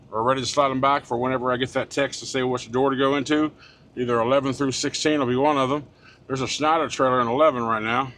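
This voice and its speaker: A man's voice: medium pitch, fairly bright tone. A middle-aged man talking casually to the camera from his truck cab, rambling with frequent restarts and fillers, blunt and swearing now and then. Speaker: trucker vlogger. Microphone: small handheld camera.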